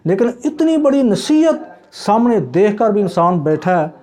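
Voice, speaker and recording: A man's voice: high voice, big pitch swings, a little slow, dark tone. A man preaching a sermon, urging listeners in an earnest, repetitive way and calling them brother.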